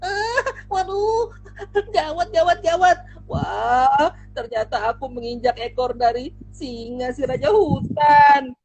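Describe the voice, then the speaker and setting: A woman voicing a small, frightened mouse who pleads and apologizes in a husky voice. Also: fairly high pitch, sing-song, unhurried, darkish tone, no room sound, full character voice, low-quality recording. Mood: panicked.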